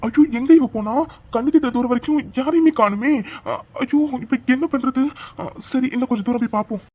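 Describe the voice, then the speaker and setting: A performer voicing a cartoon young man who protects a young woman and sternly scolds her with rapid questions. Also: high voice. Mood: worried.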